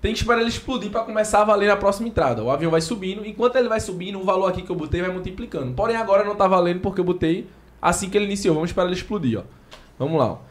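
Guy hosting a podcast, high voice, joking around while reading an ad. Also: very fast. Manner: playful, joking, explains step by step. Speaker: podcast host. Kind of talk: casual sponsor read.

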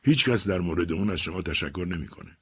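A man's voice: sits low, expressive, a bit bright, husky, heavily acted. A man voicing a dismissive army major who is a doctor, speaking brusquely.

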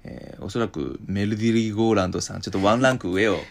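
A male language teacher on a podcast lesson, explaining slowly with many hesitations and restarts. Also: on the low side, fairly even intonation, gravelly.

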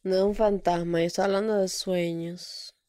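Low, mellow woman, brief replies. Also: steady tone, normal speed, clean tone, no room sound. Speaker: podcast co-host. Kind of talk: casual couple chat.

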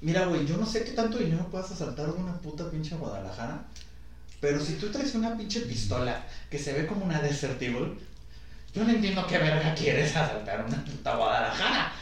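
A young man with a Mexican accent telling a story on a casual podcast, full of crude slang and lively retelling. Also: fairly high pitch, brisk. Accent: Mexican Spanish. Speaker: podcast host. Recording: echoey room, far from mic, faint noise.

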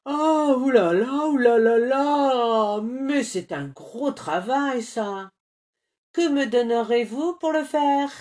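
A woman's voice: high voice, animated, slow, darkish tone, voice pushed up. A woman voicing a strong, sleepy male bear who grumbles and bellows, in a storybook reading. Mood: grumbling.

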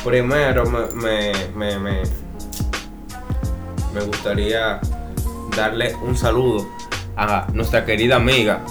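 A man's voice: lowish voice, steady tone, slow, pauses often, music in the background. A man with a Dominican accent co-hosting a podcast, chatting and joking in playful banter. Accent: Dominican Spanish. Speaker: podcast co-host. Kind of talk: casual chat.

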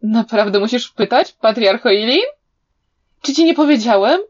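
A woman voicing a cunning, cruel young male villain who sneers, shouts and laughs manically, in a slightly dull recording. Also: fairly high pitch, animated, normal speed. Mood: sneering.

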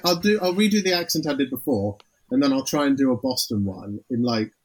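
A man's voice: mid-range voice, expressive, a little fast, breathy edge, poor audio. A man co-hosting a podcast in casual chat over a remote call, talking in hesitant stops and restarts. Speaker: podcast co-host.

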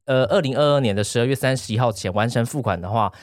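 A man's voice: mid-range voice, fast, no room sound, clean studio sound. A man co-hosting a podcast, explaining things in casual conversation. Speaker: podcast co-host.

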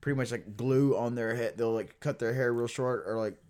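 A man co-hosting a podcast in loose, casual chat, swearing often and filling pauses with "like" and "uh". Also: mid-range voice, a little mellow. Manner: loose, profane, filler-heavy. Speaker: podcast co-host.

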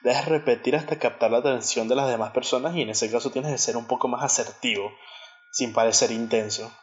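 A man's voice: medium pitch, steady tone, a little fast, muffled recording. A man in casual chat, explaining his points step by step with frequent restarts.

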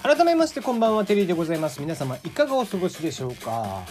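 Lively chatty man with southern Japanese lilt. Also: very fast, soft background music. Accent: mixed Kagoshima and Hakata dialect. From Kagoshima, Japan. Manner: chatty, many fillers, lively pitch swings. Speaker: podcast host. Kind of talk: casual solo radio talk.

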